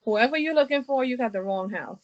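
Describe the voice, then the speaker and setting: A resident's voice comes through a doorbell speaker in a wary doorstep exchange. The tone is firm and challenging, and the pitch swings up and down in a lively way. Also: a little fast, dull audio. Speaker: resident answering the door. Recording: doorbell camera intercom audio.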